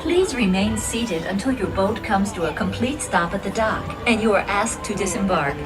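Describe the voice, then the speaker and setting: A woman giving a polite prerecorded ride safety announcement, played over an outdoor loudspeaker at a boat ride. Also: medium pitch, normal speed. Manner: polite, even, scripted instructions. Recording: distant loudspeaker with loud music.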